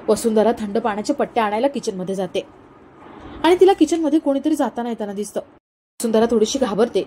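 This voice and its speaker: A woman storyteller retelling a television serial episode in a steady, plain way. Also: fairly high pitch, a little hiss or hum.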